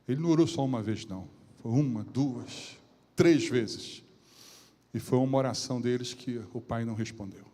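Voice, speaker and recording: A man preaching a sermon, retelling Bible scenes in a casual modern way and swinging from quiet talk to loud peaks. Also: medium pitch, normal speed. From Brazil. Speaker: pastor. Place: church sanctuary. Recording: long reverb of a church hall.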